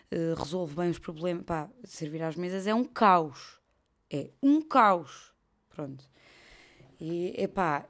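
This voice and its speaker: A young woman with a European Portuguese accent, hosting a podcast as a casual comedic monologue, swearing freely and dropping into whispered asides. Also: lowish voice. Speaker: podcast host.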